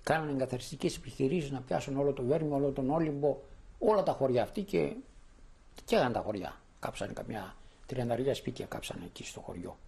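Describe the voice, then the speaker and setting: A man's voice: medium pitch, expressive, warm tone. An older man from Thessaloniki giving spoken testimony, telling his memories as a vivid storyteller who acts out the voices of the people he quotes. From Thessaloniki, Greece.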